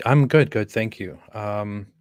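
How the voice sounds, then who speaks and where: A man's voice: lowish voice, slow pace, no echo, studio quality. A man hosting a casual livestream interview, speaking hesitantly and often repeating his questions.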